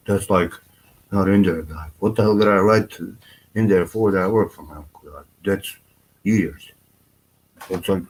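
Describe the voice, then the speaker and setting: A man with a low-pitched voice rambles through a personal vlog. His talk is loose and full of fillers, restarts and casual swearing. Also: slight background noise, rough recording.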